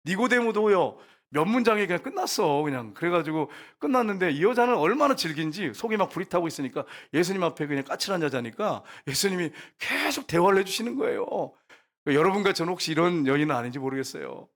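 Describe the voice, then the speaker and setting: A man's voice: high voice, big pitch swings, fast talker, fairly bright tone. A man preaching a sermon as pastor, putting rhetorical questions to the congregation.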